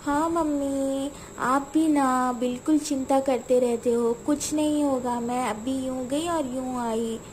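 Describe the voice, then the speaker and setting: A woman voicing a brave high-voiced village girl. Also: fairly even intonation, slow pace, few pauses, darkish tone, slight background noise. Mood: reassuring. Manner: chatty, exclaims often. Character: brave cheerful young village daughter. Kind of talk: doll cartoon voice acting.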